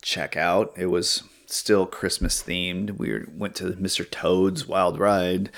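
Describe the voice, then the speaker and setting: A man with a very low, gravelly voice hosts a casual podcast chat. He tells his story in a loose, rambling way, pausing to search for words. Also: fairly even intonation, fairly bright tone. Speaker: podcast host.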